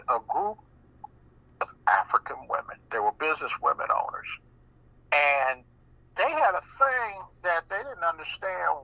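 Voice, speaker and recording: A man with an American accent talking casually on a radio show, animated and often repeating words as he restarts. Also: high-pitched, vocal fry, dry recording. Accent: American English. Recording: muffled radio broadcast.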